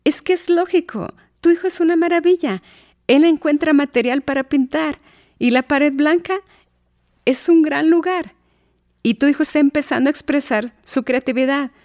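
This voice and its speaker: A woman playing her art-loving friend, who gushes with delight in a much higher, breathy voice. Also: darkish tone. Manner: high, breathy delight, rushing with praise.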